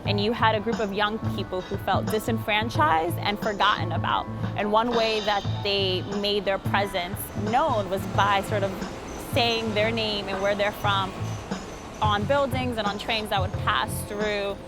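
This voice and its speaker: A woman explains things thoughtfully in a documentary interview. Her voice has a middle pitch. Clear music plays behind her. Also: a little slow.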